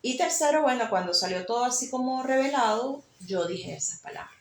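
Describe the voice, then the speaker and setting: Woman, emotional faith testimony, creaky tone, roomy sound. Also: sits high, expressive, a little fast, slight background noise. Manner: emotional, storytelling with frequent fillers. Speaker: guest sharing testimony. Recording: echoey room with faint ambience.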